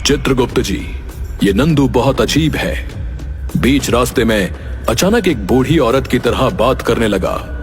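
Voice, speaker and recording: A man's voice: medium pitch, expressive, a little slow, faint music behind, natural voice. Man playing a stern, exasperated god of death. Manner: commanding, exasperated. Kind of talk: Hindi cartoon dialogue.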